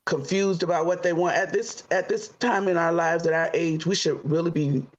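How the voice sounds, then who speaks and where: A woman's voice: fairly low pitch, fairly even intonation. Chatty woman in her fifties, dull call audio. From Florida, USA. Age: 50s. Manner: chatty, many "um" pauses, quick to laugh. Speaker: dating show participant. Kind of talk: casual self-introduction. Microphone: computer on a video call.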